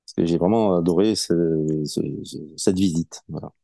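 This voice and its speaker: A man in his late forties, speaking as a podcast guest in casual interview chat, has a low, mellow voice. He's relaxed and unhurried, often hesitating and restarting sentences, and the recording is dry and close.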